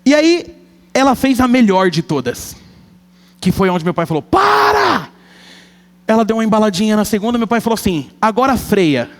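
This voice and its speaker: A man preaching a sermon, telling a comic family story with animated delivery. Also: high-pitched, fairly quick. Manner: animated, comic, acts out family members' voices. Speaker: pastor. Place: church hall. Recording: long church hall reverb.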